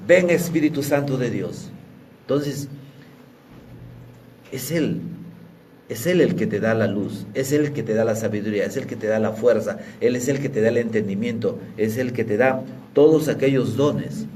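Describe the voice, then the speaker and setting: A man's voice: on the low side, moderate pace, dark tone, slight background noise. Peruvian man preaching from a distance. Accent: Peruvian Spanish. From Peru. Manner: teaching, frequent tag questions. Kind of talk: sermon.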